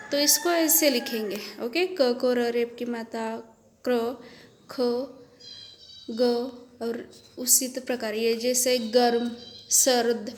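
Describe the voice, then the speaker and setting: Slow, patient woman teaching children. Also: on the high side, slight background noise. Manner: patient, repeats each point, checks in with "ok". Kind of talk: children's Hindi lesson.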